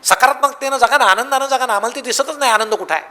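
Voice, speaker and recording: A man's voice: extremely high pitch, racing, bright, forceful tone. A man giving a motivational talk, telling anecdotes and acting out their dialogue. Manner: tells anecdotes, acts out dialogue. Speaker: motivational speaker. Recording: long hall reverb.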